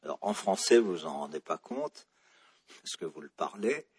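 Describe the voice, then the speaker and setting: A man's voice: deep voice, big pitch swings, normal speed, breathy edge. A man from France giving a classroom lecture on the psalms, digressive and full of fillers and restarts, with wry asides.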